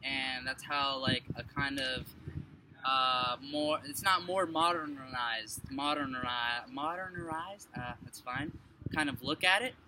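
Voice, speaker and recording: A man's voice: mid-range voice, slow pace. A man from Morocco in a casual street conversation, rambling with many fillers and restarts. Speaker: passerby sharing his view. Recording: distant mic with background noise.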